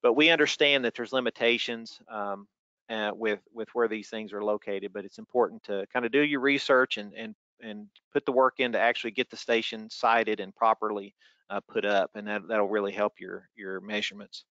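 Guy with a tennessee accent doing a casual q&a as a trainer, crisp bright voice, folksy. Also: on the low side, steady tone, normal speed, no echo, dull audio. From Tennessee, United States. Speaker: weather spotter trainer. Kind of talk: informal webinar Q&A, answering read-out questions.

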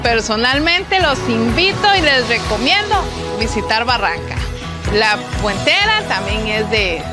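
A woman's voice: fairly high pitch, big pitch swings, a little slow, music in the background. A woman, interviewed as a local resident, speaking hesitantly with fillers. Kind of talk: casual interview.

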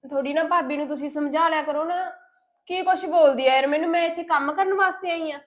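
A young woman playing a lazy, sharp-tongued young wife who bickers and defies her family in a village family drama. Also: high voice, a little fast, lightly acted. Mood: defiant. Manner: defiant, bickering.

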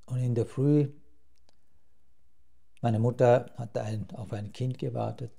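A man in his seventies from Sri Lanka, a Buddhist monk with a Sri Lankan accent, telling his life story in a slow, halting way with many restarts. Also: mid-range voice, steady tone, creaky, warm tone, slightly rough. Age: 70s. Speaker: Buddhist monk, interview guest. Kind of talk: reflective life-story interview. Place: temple hall with a Buddha shrine and plants.

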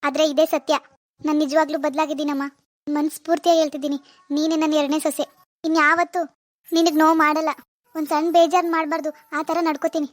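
A woman's voice: sits high, little pitch movement, fast talker, no echo, close to an everyday voice. A woman playing a remorseful middle-aged mother-in-law who earnestly begs her daughter-in-law's forgiveness in a homemade family drama skit. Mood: pleading. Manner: earnest, pleading, apologetic.

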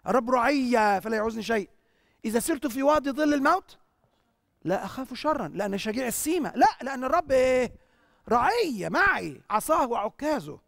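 Egyptian-accented church teacher, quick delivery, rough gravelly edge, rhetorical questions answered on the spot, dry close sound. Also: sits high, lively intonation, no echo. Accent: Egyptian Arabic. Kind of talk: preaching Q&A.

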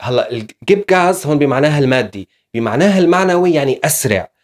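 A man's voice: fairly high pitch, expressive, very fast. A man teaching German in a casual video lesson, explaining step by step with frequent fillers.

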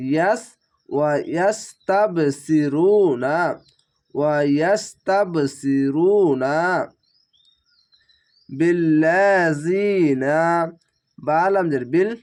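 A man teaching Quran reading, spelling each letter and vowel aloud, then chanting the whole word slowly. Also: a little high, a little mellow.

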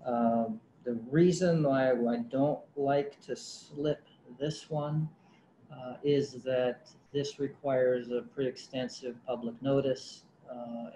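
A man's voice: medium pitch, mellow. A man, a county conservation director, presenting a project at a public board meeting, hesitant with many fillers and restarts. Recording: roomy meeting-room audio, faint hum.

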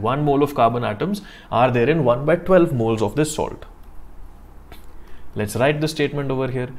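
North Indian man teaching, deliberate and repetitive. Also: medium pitch. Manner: deliberate, repetitive, checks understanding with questions. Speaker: chemistry teacher. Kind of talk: live online lecture, explaining step by step.

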